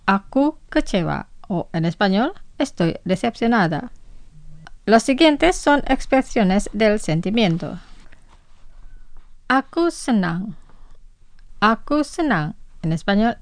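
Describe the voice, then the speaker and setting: A woman presenting a scripted radio language lesson, formal and clear, saying each word twice for listeners to repeat. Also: medium pitch, no echo.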